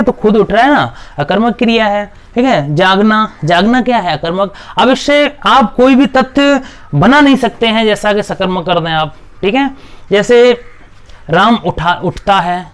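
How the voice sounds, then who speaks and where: A man teaching a Hindi grammar lesson, asking questions and answering them himself, with a frequent "okay" between points. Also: high-pitched. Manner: repetitive, asks and answers his own questions. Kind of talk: classroom-style video lesson.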